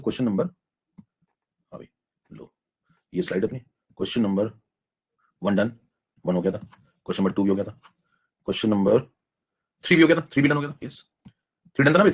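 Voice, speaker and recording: Rapid, husky-voiced male chemistry teacher. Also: mid-range voice. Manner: rapid, coaxing, mixes in English technical terms. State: saving his voice, speaking softly. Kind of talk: live online class lecture.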